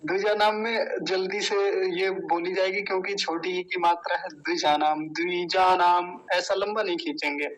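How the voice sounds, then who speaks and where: A man teaching the correct pronunciation of a Sanskrit mantra, repeating each word slowly and chanting the full verse. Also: high-pitched, fairly even intonation, a bit bright, low-quality recording. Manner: slow, deliberate syllable-by-syllable drilling. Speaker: Vedic recitation teacher.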